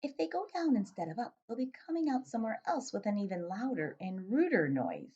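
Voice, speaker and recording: A woman's voice: fairly high pitch, big pitch swings, a little fast, husky, highs cut off, exaggerated voice. A woman voicing a polite, curious and patient little girl in a children's storybook, questioning and reasonable. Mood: hesitant. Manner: questioning, reasonable, gently emphatic. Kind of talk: children's storybook read-aloud.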